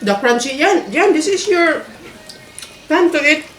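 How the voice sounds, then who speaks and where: A woman's voice: high-pitched, expressive, measured pace, faint music behind. A woman from the Philippines with a Filipino accent, a mother cheerfully explaining the dishes and coaxing her son while they eat. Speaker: mother in a family food vlog. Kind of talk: casual mealtime chat on camera. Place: home dining table. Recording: distant voice in an echoey room.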